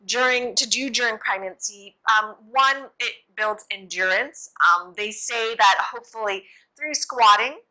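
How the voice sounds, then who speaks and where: A young woman with a bright, forward voice pitched on the high side gives a casual, encouraging, informal yoga-teacher style delivery for an instructional demo. She's unhurried and rarely pauses, though the recording quality is low.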